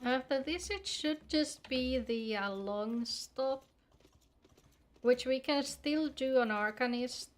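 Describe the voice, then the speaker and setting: Playing an online game on a livestream, a woman with a high-pitched voice chats slowly and playfully with her viewers. She's informal and swears freely throughout the casual gaming chat.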